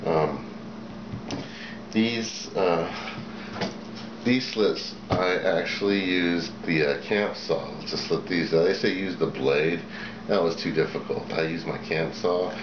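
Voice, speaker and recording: A man's voice: low-pitched, slow. A middle-aged man hosting a casual show-and-tell video at a table, talking in a plain-spoken, rambling way with many fillers. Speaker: video host. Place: small indoor room at a table. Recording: echoey room, dull sound, background noise.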